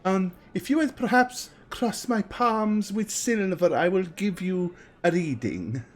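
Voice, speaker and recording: A man voicing a fairly old fortune teller with drawn-out, grandiose patter in a tabletop role-play game. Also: sits high, animated, pitched above the performer's own voice. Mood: theatrical, ingratiating.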